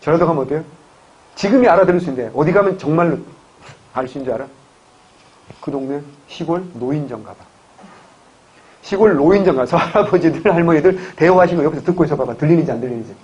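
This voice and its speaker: A man's voice: a little high, expressive, brisk, long pauses, a little mellow. Man lecturing in rhetorical questions. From Gyeongsang region. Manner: keeps asking questions and answering them himself. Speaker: history lecturer. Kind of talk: exam-prep lecture. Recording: dull lo-fi recording, faint hiss.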